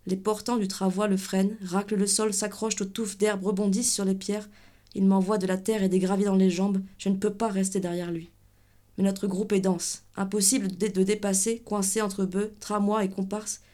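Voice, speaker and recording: Woman, mellow-toned literary reader; measured, intense, clipped phrasing. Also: medium pitch, flat delivery. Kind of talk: dramatic literary reading.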